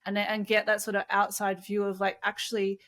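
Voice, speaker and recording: A woman co-hosting a podcast, speaking thoughtfully in casual chat and often affirming her partner with soft agreement. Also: medium pitch, monotone, a little fast. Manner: thoughtful, affirming with frequent mm-hmms. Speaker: podcast co-host.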